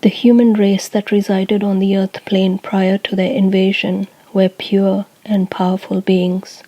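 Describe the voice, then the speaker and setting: Speaking as a channeler for a group of light beings, a woman delivers a scripted spiritual discourse meant for guided meditation. Her reading is formal and solemn, measured, with pitch held extremely flat and steady across phrases. The audio is dull, dry, and close, with almost no room sound and no echo.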